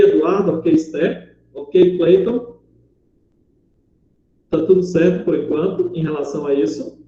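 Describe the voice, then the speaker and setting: A man's voice: sits high, dark tone. A man with a Brazilian Portuguese accent teaching a class, explaining patiently step by step with examples. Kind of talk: online class lecture. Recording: echoey, dull lo-fi room audio.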